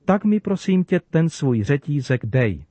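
A warm-hearted dad teases his little girl with mock firmness, read by a man in his own plain voice, in a storybook telling. The sound is dry and close. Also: fairly high pitch, sing-song, no room sound. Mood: teasing. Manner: gently teasing. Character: playful, loving father.

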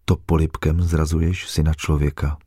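A calm, solemn Jesus, as a male Bible reader gives him voice, speaking in measured, unhurried phrases. The voice sits very low and deep. The sound is dry and close, with no room around it. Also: breathy edge, dry recording. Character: Jesus, a calm grown man teaching.

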